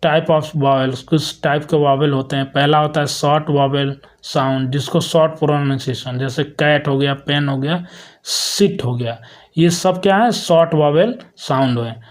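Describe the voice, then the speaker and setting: Man, fairly high voice, exam-prep lecture, rhetorical questions, slow English definitions. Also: fairly even intonation. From India. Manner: rhetorical questions answered himself, reads English definitions slowly.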